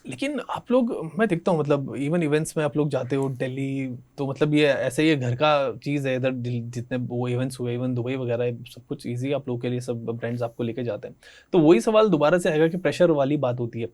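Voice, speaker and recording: A man's voice: medium pitch, fairly quick, darkish tone. Probing male podcast host. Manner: probing, follow-up questions, casual address. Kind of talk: casual podcast conversation.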